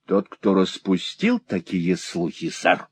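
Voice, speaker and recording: A man's voice: low voice, sing-song, slow pace, breathy edge, full character voice. A man voicing a fussy, vain middle-aged mother who sounds indignant and plaintive, in an audiobook reading. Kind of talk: audiobook character voice.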